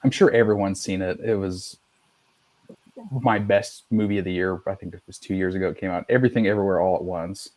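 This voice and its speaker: A man's voice: low-pitched, fairly even intonation, a little fast, a little mellow, no echo. A middle-aged man hosting a podcast, chatting casually in a loose, rambling way and swearing freely. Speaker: podcast host. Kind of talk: casual chat.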